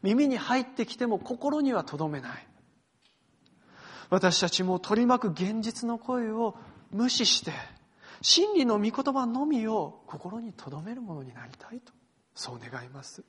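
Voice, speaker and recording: A male pastor preaching a sermon to his congregation, earnest, swinging between forceful emphasis and hushed phrases and inviting them to read along. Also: sits high, lively intonation, unhurried, husky. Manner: addresses the congregation directly, invites reading along.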